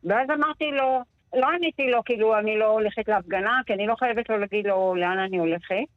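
A woman in her sixties giving a shaken, rushed first-person account on the radio, replaying what was said to her. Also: mid-range voice, no echo, phone-quality sound. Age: 60s. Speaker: interviewee.

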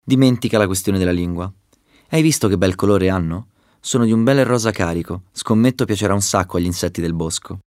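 A man's voice: deep voice, fairly quick, a little mellow, no room sound, studio quality, natural voice. A man voicing a female queen bee who is a firm but tender adoptive mother, reading a storybook. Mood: scolding. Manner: firm, scolding yet tender.

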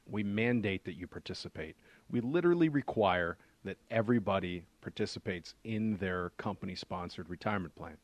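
Low-voiced man explaining in a dry studio. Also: animated, a little fast, dry recording. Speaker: financial adviser, radio show regular. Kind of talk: conversational explanation on a radio show.

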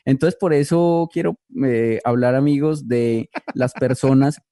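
A man hosting a podcast, telling a funny story in casual chat and jumping into squeaky voices when he quotes people. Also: measured pace, no room sound, studio quality. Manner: animated, jumps into squeaky voices when quoting. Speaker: podcast host.

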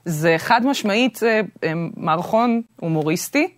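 A woman's voice: mid-range voice, lively intonation, no echo. Israeli-accented woman in a dry recording. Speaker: interview guest. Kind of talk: casual, opinionated podcast conversation.

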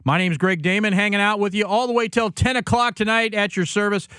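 Booming, sing-song male radio host, higher-pitched. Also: fairly even intonation, fairly quick, sharp tone, smooth, dry recording, studio quality. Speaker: radio call-in show host. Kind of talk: live radio show opening.

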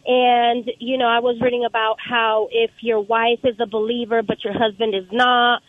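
A woman's voice: a little high, level tone, moderate pace, no room sound. Woman caller on tinny speakerphone. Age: 30s. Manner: earnest, hesitant, many ums. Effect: speakerphone over a phone line. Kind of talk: call-in radio question. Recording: tinny phone line.

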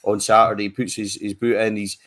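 A man's voice: lowish voice, level tone, a little fast, fairly bright tone. A man chatting casually as a football pundit, with frequent fillers and restarts.

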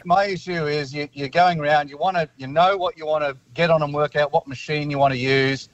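A man's voice: fairly high pitch, fairly even intonation, a little fast. A man calling in to a radio show, grumbling about a pet hate. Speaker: caller. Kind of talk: phone-in chat. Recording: dull lo-fi phone line.

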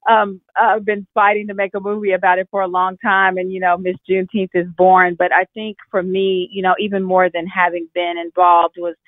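This young female director from Fort Worth, Texas answers interview questions by phone, reflective and heavy on fillers, through a tinny line. Her mid-range voice moves little in pitch, she speaks fairly quickly with few pauses, and the sound is dry.

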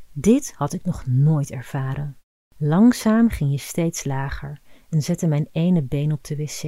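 A woman reading a story aloud as a podcast narrator, calm, even and intimate. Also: low voice, no room sound.

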